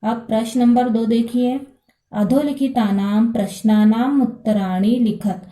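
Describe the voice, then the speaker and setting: A woman teaching a Sanskrit lesson online, talking slowly, checking understanding often, and reading out number words loudly. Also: a little high, steady tone, reverberant. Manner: slow, repeats "ठीक है" to check understanding; reads numbers aloud louder, with English equivalents.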